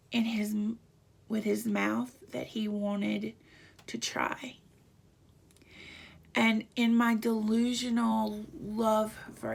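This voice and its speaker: A woman vlogger tells a personal story haltingly and emotionally, often falling to a near whisper. Her voice is medium-pitched and gravelly.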